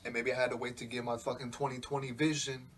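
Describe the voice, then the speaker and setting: A podcast host in his twenties talks fast in a level, mid-range voice, with a little hiss or hum on the recording. He rambles reflectively in a casual monologue and swears freely.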